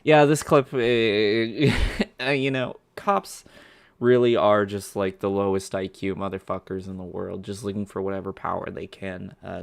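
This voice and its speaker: Gravelly man ranting on a stream. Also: sits low, no room sound. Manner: profane, rambling, ranting with fillers. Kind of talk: live-stream reaction commentary.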